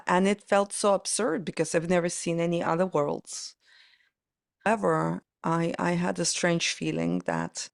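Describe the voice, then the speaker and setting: Recorded cleanly in a studio with no room sound, a woman in her forties speaks with a Ukrainian accent in a lowish, creaky voice. She's a pianist and performance coach guesting on a podcast, sharing reflective stories in an interview.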